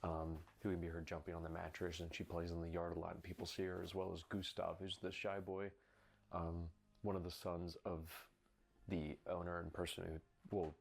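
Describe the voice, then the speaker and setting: A man with a very deep voice talks on a casual ghost-hunting vlog. He explains the trigger items in a relaxed, joking way. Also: moderate pace, vocal fry. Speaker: ghost hunter. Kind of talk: casual paranormal investigation vlog. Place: indoors in an old inn.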